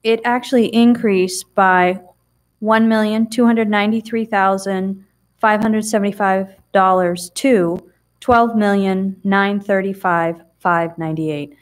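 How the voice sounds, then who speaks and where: A middle-aged woman with a medium-pitched, fairly even voice speaks a little slowly while presenting audit figures to a town council. Chatty and explanatory, she is full of ums and restarts, and a table mic in the chamber records her.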